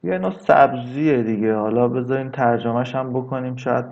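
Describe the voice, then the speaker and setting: A man teaching English vocabulary in a casual lesson, drawing words out slowly and adding chatty asides. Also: medium pitch, vocal fry, lo-fi sound. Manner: slow, drawn-out repetition of words, chatty asides.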